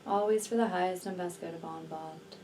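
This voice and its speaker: An energy healer and meditation guide leads a healing meditation in a mellow, relaxed voice with a fairly low pitch. She speaks slowly and soothingly, leaving long pauses between deliberate phrases. The recording sounds slightly distant, with faint noise behind her.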